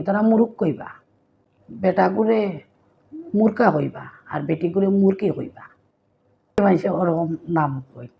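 A woman from Sylhet with a Sylheti accent, talking casually to her vlog viewers and often asking them questions. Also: mid-range voice. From Sylhet, Bangladesh. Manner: chatty, asks the viewer questions. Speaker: vlogger. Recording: slightly dull lo-fi sound.

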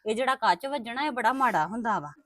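A woman's voice: a little high, expressive, quick pace, fairly bright tone, no echo. A woman playing a stepmother who soothes and pleads affectionately, in an amateur family drama. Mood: tender. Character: doting young stepmother, soft and caring.

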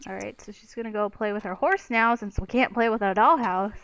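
A woman's voice: mid-range voice, brisk, a bit bright, slight background noise. A young woman giving casual, exclamatory commentary while playing a life-sim game, swearing freely. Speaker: let's play gamer.

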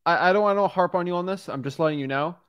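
This young man coaches a student by video call, addressing a boom-arm studio mic in his home studio with blunt directness. He is a wholesaling coach in his twenties whose high, smooth voice is a bit bright and comes out rapid-fire.

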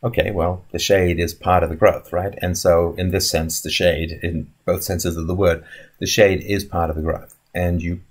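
On a live stream, a deep-voiced man in his fifties responds to chat questions from an indoor room with a wooden wall behind him. He speaks at a moderate pace with little pitch movement, musing and rambling casually through many fillers and restarts.

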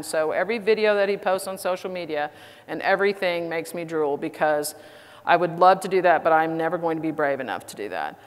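Middle-aged Texan woman, low-ish voice, casual self-deprecating presenter, long hall reverb. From Texas. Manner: chatty, self-deprecating, frequent fillers. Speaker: conference speaker. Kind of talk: conference talk. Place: large conference hall.

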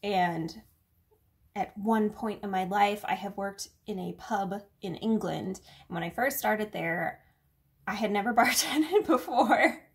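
A woman reviewing a drink in a casual vlog, chatty and sarcastic, full of fillers and swearing. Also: medium pitch. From United States.

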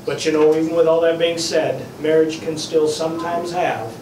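A man's voice: on the high side, steady tone, moderate pace. Male [name] impersonator officiant; ceremonial, playful, recorded at a distance with slight background noise. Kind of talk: officiating a vow renewal ceremony. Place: small indoor wedding chapel. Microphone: distant camera mic. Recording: echoey room, distant mic, faint noise.

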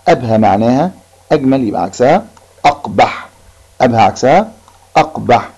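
A man's voice: mid-range voice, animated, darkish tone, breathy edge. Egyptian man teaching, dull lo-fi sound. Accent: Egyptian Arabic. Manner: explains in colloquial speech, repeats each point slowly. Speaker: primary school Arabic teacher. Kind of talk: recorded classroom lesson. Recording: dull lo-fi recording.

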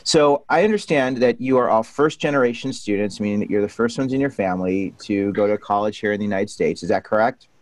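Upbeat middle-aged male host, low voice. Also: a little fast, hardly any pauses, no echo. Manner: enthusiastic, animated greetings. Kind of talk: upbeat video-call interview. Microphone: studio mic on arm.

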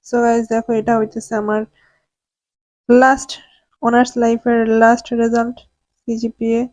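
A woman's voice: on the high side, darkish tone. Chatty young woman vlogging. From Bangladesh. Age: young adult. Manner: chatty, mixes English words, nervous then wry. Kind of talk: casual vlog chat.

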